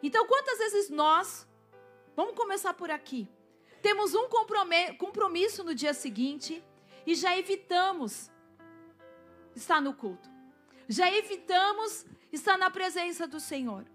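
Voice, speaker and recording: Woman pastor, high voice, storytelling sermon, soft music bed. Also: animated, a little slow. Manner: storytelling, asks the congregation to respond. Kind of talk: sermon with personal testimony.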